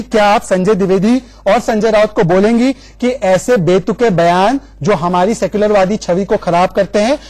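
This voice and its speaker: A man's voice: high-pitched, darkish tone. Pressing male debate anchor. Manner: pressing, repeatedly cuts in on guests. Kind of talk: news debate moderation.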